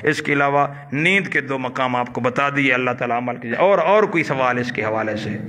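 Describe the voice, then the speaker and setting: A male preacher delivers a religious lesson in a bright, forward voice. He teaches step by step, posing questions to the listeners and supplying the answers. He drawls Arabic grammar patterns out slowly, one at a time. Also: mid-range voice. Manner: didactic, asks the audience questions and answers them himself. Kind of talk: Urdu religious lecture explaining Arabic grammar.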